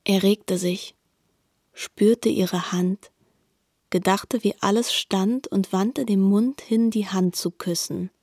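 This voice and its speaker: A woman narrating a literary radio drama in a soft, often half-whispered voice. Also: mid-range voice, steady tone, slow, breathy edge, no echo, studio quality.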